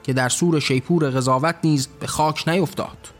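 A man's voice: a little high, steady tone, soft background music, close to an everyday voice. Man doing a murmuring archangel. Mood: hushed. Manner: hushed, murmuring. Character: male archangel whispering counsel.

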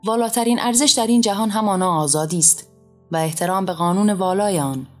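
A woman voicing a proud, defiant man who shouts back at his judge. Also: medium pitch, soft background music, lightly acted. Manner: loud, defiant. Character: defiant proud mortal man facing judgment.

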